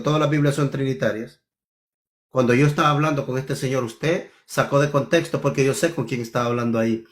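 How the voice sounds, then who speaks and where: A man in a heated theological debate, accusing his opponent and stressing key words over and over. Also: on the high side.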